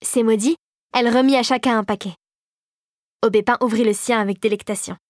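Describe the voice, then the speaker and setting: A woman reads a fairy tale aloud in a calm, measured way. Her voice is a little high and light. The recording is dry and close, with no room around it. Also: no echo. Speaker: narrator. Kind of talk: audiobook narration.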